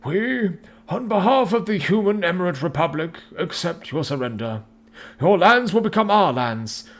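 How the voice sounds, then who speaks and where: A man's voice: sits high, sing-song, moderate pace, pitched above the performer's own voice. A man voicing a stern female human general who speaks in a commanding, formal way.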